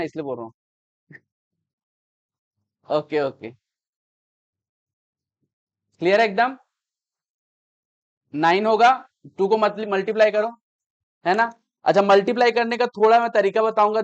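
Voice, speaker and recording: Male math teacher, high-pitched, repeats steps, lo-fi classroom audio. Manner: explains patiently, repeats steps, checks understanding.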